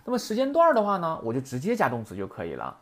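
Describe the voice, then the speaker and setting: A man's voice: on the high side, huge pitch swings, racing, fairly bright tone. A man teaching Japanese grammar in a chatty lecture, often asking rhetorical questions. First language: Mandarin.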